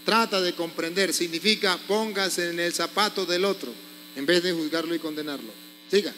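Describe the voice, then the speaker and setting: A man's voice: high voice, moderate pace, sharp tone, in a large hall, a little hiss or hum. A priest preaching a sermon, scolding his congregation with pointed rhetorical questions.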